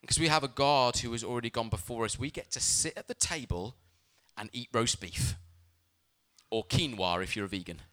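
A man, a pastor, delivering a sermon in a bright, forceful voice. He preaches with emphasis and tells lively stories from his own life. His pitch sits in the middle of the male range. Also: moderate pace. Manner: emphatic preaching, mixed with lively personal storytelling.

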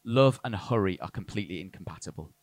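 A man's voice: sits low, animated, quick pace, no echo. A man preaching a sermon as a pastor, earnest with light asides to the congregation. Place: church service.

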